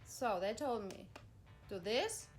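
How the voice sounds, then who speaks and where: Over music, a vlogger reads instructions aloud in a frustrated monologue, ranting in exasperation and repeating herself. Her fairly high voice swings widely in pitch, and she speaks slowly.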